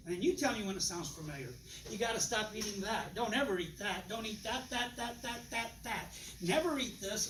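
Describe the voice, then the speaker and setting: A folksy, animated man works a live audience, slipping into different voices as he acts out back-and-forth dialogues. He sounds far from the mic in an echoey room, with loud noise underneath. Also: very high voice. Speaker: presenter demonstrating water machines. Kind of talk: live sales demonstration to an audience.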